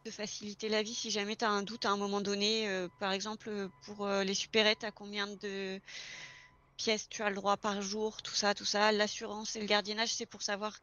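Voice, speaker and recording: Her medium-pitched voice bright and forceful but flat in delivery, a woman guides a new hire step by step at a moderate pace. She plays a seasoned garage employee in a casual online roleplay chat, captured in lo-fi sound.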